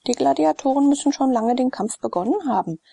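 A woman's voice: sits high, lively intonation, a little fast, gravelly, dark tone, slightly rough, voice pushed up, full character voice. A woman reading the part of a loyal, cautious freedman who earnestly advises his master.

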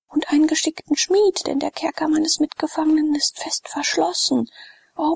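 A woman's voice: very high voice, vocal fry, no room sound, voice pushed up. A woman reading out a desperate letter from a blind young slave girl, pleading urgently for rescue.

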